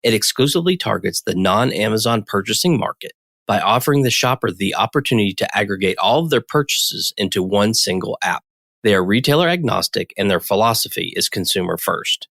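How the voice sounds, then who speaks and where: A man's voice: on the low side, lively intonation, fairly quick, vocal fry, fairly bright tone, no room sound. American male podcast host, dry sound. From United States. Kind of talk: podcast interview.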